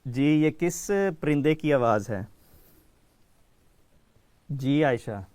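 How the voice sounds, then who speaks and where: A man's voice: medium pitch, a little mellow, a little hiss or hum. A man hosting a children's education program, patiently calling on kids by name to answer quiz questions.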